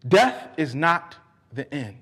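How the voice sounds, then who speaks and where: A man preaching a sermon, fervent and emphatic, repeating key phrases for weight and moving between quieter earnest asides and raised declarations. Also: fairly high pitch, very animated, slow, breathy edge. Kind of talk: sermon with scripture exposition.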